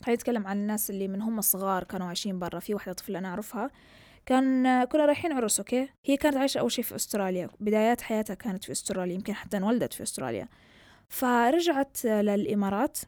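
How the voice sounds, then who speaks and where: Fast-talking young woman. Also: a little high, dry recording, clean studio sound. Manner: switches between Arabic and English mid-sentence; animated, rhetorical questions. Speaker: vlogger. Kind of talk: casual monologue.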